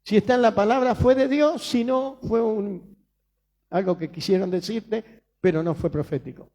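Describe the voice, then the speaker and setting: A man's voice: high-pitched, moderate pace, darkish tone. A man with a Rioplatense Spanish accent preaching a sermon as pastor, emphatic, repeating phrases and asking rhetorical questions.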